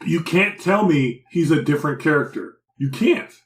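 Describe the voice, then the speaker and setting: A man co-hosting a casual anime chat, retelling scenes in a rambling, animated way. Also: fairly high pitch, moderate pace. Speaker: podcast co-host. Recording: roomy echo.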